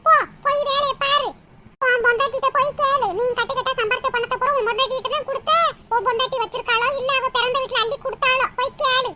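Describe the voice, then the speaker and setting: A woman voicing a scheming older mother-in-law in a cartoon, with a Kanyakumari Tamil accent and a sharp, scolding way of talking. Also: extremely high pitch, steady tone, fast talker. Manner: scolding, sharp-tongued, doting to her daughter. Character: older scheming mother-in-law who favours her daughter. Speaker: cartoon voice actor. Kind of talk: comic cartoon voice acting.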